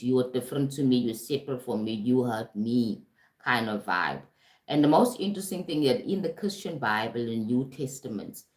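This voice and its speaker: Very low-voiced South African woman. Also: echoey room. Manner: conversational, asks "right?" and "you understand?" often. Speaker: life coach and motivational speaker. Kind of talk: live-streamed spiritual talk. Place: home in Durban, streaming.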